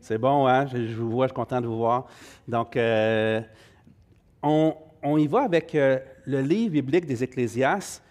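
A man's voice: mid-range voice, measured pace, darkish tone. Hesitant Québécois man teaching Bible class. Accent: Québécois French. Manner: hesitant, many "euh" fillers, friendly asides to the class. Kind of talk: informal Bible study teaching.

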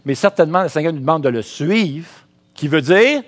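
A middle-aged man preaching a sermon as pastor, in a Quebec French accent, lively and calling out to the congregation. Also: a little high, moderate pace.

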